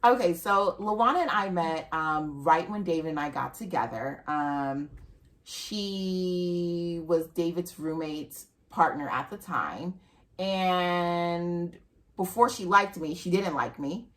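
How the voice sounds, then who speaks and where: A woman's voice: fairly low pitch, takes it slowly. Chatty playful woman hosting a podcast. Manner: playful, chatty, laughs easily. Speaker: podcast host. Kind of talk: casual chat.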